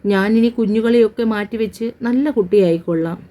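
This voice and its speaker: A woman's voice: medium pitch, fairly quick, mellow, lightly acted. A woman reading a pouting young wife. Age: 20s. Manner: pouting, insistent. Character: sulky, childlike young wife.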